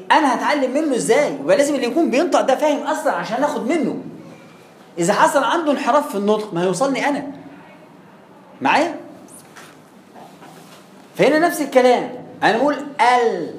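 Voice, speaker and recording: A man's voice: very high voice, very animated, quick pace, pauses often. A man with an Egyptian Arabic accent teaching Quran recitation, demonstrating sounds over and over and asking rhetorical questions. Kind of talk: explanatory classroom lesson. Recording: echoey room with faint noise.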